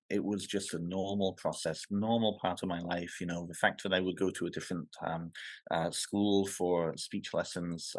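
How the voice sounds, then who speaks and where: A man from North Wales speaks as a therapist guest, thoughtful and full of small pauses and restarts. His voice sits very low, with a dry, close recording. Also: no room sound. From North Wales, United Kingdom. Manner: thoughtful, with frequent ums and restarts. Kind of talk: conversational interview.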